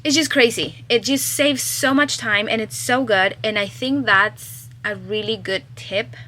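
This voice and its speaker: Talking at a measured pace in a pushed, bright voice on the high side, a young woman from Chile chats in casual vlog style. A native Spanish speaker, she's at home discussing her knitting and crochet designs and thinking aloud, with a little hiss or hum in the recording.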